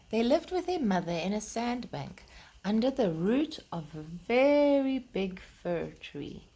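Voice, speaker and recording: Hosting storytime for children, this woman reads to her young audience and explains things to them in plain, simple words. She speaks with a mellow, mid-range voice that carries a breathy edge.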